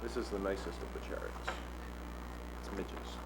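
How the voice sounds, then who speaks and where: A man's voice: low voice, fairly even intonation, moderate pace, very noisy. A man talking casually and practically with a film crew as the performer being filmed.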